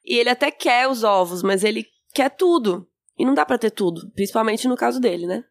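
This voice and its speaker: A woman co-hosting a casual book podcast, joking and quick to tease. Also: fairly high pitch, animated. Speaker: podcast co-host. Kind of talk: casual book-discussion chat.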